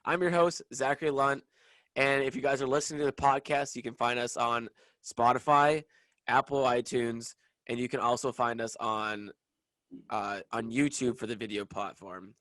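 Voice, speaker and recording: A man's voice: mid-range voice, steady tone, a bit bright, dry recording. Young guy hosting a podcast, kinda stumbly, lots of uhs, dry close sound. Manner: halting, many fillers and restarts, upbeat. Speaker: podcast host. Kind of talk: casual interview chat.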